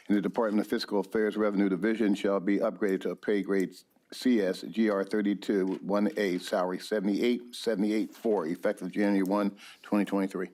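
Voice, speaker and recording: A man's voice: sits low, darkish tone. A man with a tired voice reading a formal resolution aloud at a county council meeting. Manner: reads formal resolutions aloud, some self-corrections. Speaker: council member.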